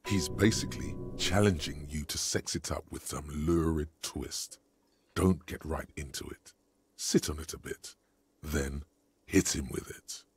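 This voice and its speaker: A man voicing a grave, omniscient inner-voice narrator in a video game, speaking in a slow, ominous and wry way. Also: very deep voice, slight background noise. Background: music.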